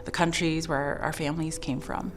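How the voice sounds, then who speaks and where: Woman, American, very low pitch, thoughtful, casual, music behind. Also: level tone, normal speed. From United States. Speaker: interview guest. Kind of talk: interview answers.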